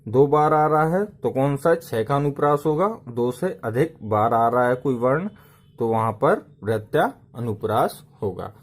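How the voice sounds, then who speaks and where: A man's voice: animated, measured pace. Man teaching, rising "ठीक है" checks. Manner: repeats "ठीक है" with a rising pitch to check the class is following. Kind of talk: exam-prep grammar lesson.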